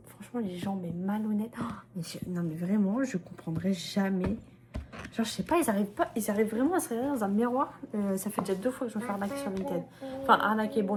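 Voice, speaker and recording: A woman, a mother vlogging casually from her home kitchen, ranting with feeling and talking sing-song to her baby. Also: mid-range voice. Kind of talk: casual vlog chat.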